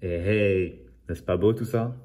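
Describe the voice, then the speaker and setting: A rather low-voiced man chats casually about his collection of model cars. He rambles, repeats himself and trails off into asides. His delivery is loose and conversational. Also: slow pace, warm tone. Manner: rambling, chatty, often repeats "voilà"; apologises for his own accent. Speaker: toy car collector. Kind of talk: casual unboxing chat.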